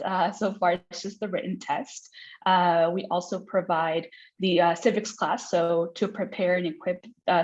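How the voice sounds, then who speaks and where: A woman who works as a legal director, giving a webinar presentation with lots of fillers and restarts and an eager way of talking. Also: fairly low pitch. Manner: excited talker, many fillers and restarts. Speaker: legal director of an immigrant aid center. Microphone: video call. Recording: dull lo-fi audio from a video call.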